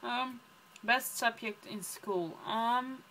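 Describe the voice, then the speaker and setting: Slow and sharp-toned, her voice sitting on the high side, a young Dutch-accented woman rambles through a book tag video with lots of ums and digressions. A little hiss or hum is audible. She's a book vlogger from the Netherlands having a casual chat.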